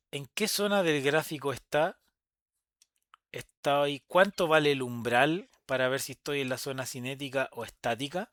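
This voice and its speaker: A young man with a Chilean accent teaching a recorded physics class, lively and chatty, with quick asides to his students. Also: a little high, no echo, clean studio sound. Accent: Chilean Spanish. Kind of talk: recorded online class lecture.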